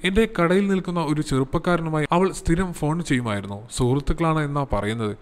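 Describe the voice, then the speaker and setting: A man's voice: a little high, quick pace, lightly acted. A man voicing a distraught young husband whose wife is missing, speaking in a choked, pleading way.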